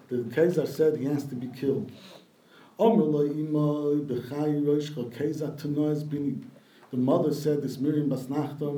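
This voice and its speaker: A man's voice: fairly high pitch, dark tone, distant mic. Man preaching in an echoey room. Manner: storytelling with Hebrew quotes he translates. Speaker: rabbi giving a talk. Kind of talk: sermon retelling a midrash.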